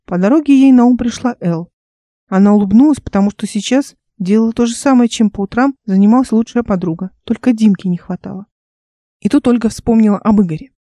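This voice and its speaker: A woman narrating her own fantasy audiobook in a calm, measured reading. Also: on the high side, no echo, clean studio sound.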